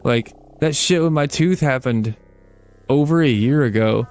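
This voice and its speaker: A man's voice: medium pitch, unhurried, a little mellow, soft background music. A man rambling casually while playing a game, swearing freely and making fun of himself. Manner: rambling, swears a lot, self-deprecating. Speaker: let's play gamer.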